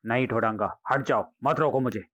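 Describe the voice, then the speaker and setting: A man's voice: mid-range voice, moderate pace, fairly bright tone, no echo, lo-fi sound, lightly acted. A man voicing a scheming male mad scientist villain who talks in a gloating way.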